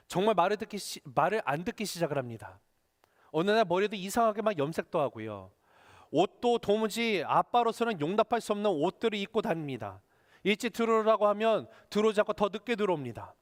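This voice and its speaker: A male pastor preaching a sermon, telling a story and slowing down earnestly to stress his points. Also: high voice.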